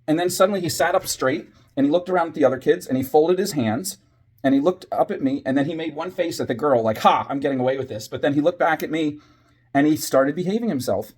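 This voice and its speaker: A man's voice: a little high, fast talker, darkish tone, husky. A man telling a story from his years as a teacher, dramatizing it with whispers and quoted voices. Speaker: former teacher, channel host. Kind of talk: personal storytelling monologue.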